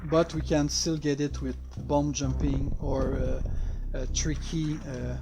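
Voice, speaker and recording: This game developer, a Frenchman with a noticeable accent, narrates a playthrough in relaxed, faltering English that isn't his first language. His pitch is fairly high and barely moves, and the background is noisy.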